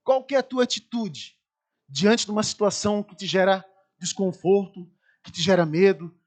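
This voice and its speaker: A man preaching a Sunday sermon with a Brazilian Portuguese accent, telling lively personal anecdotes and acting out people screaming. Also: sits high, moderate pace. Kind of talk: storytelling sermon.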